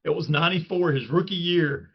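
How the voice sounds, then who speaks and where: A man's voice: fairly high pitch, a little fast, slightly rough. A man co-hosting a sports podcast in casual chat, reflective and recalling old games in detail. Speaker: podcast co-host. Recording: dull lo-fi podcast audio.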